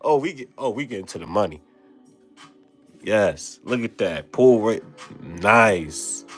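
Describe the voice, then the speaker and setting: A young man hosting a card-opening vlog, excited, exclaiming and stammering over his pulls. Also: fairly low pitch, slow pace, soft background music. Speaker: card-opening channel host.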